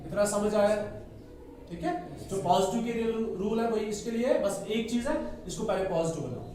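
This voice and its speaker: A male teacher with a fairly high voice lectures a class, walking through each step and pausing to quiz his students. He slips English phrases in among his sentences. The sound is echoey and distant, as if taken from the back of a classroom, with faint noise behind. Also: lively intonation, warm tone. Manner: explains step by step, asks the class questions and has them answer. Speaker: maths teacher.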